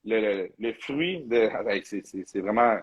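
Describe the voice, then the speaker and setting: A man's voice: fairly low pitch, expressive, measured pace, slightly rough, low-quality recording. A man with a Quebec French accent, a bodybuilding coach hosting a casual live chat in a loose, talkative way, sprinkling in English slang.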